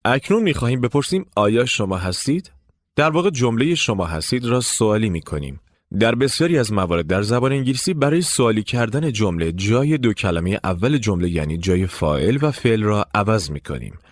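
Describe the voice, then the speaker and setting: A man's voice: lowish voice, big pitch swings, dry recording, studio quality. A man giving scripted lesson narration, explaining step by step and prompting listeners to repeat after him. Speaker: English teacher narrating the course.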